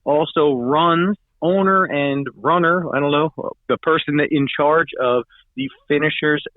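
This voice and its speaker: A man's voice: on the high side, a little slow, dry recording. A man calls in to co-host a podcast, his voice squeezed through a narrow, tinny phone line. He banters and bickers in mock offense. The sound is dry, with no room around it. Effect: speaking over a phone line.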